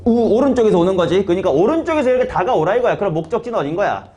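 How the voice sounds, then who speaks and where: Lively high-voiced male math teacher. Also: very fast. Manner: casual, slangy, quizzing students by name. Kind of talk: classroom lecture.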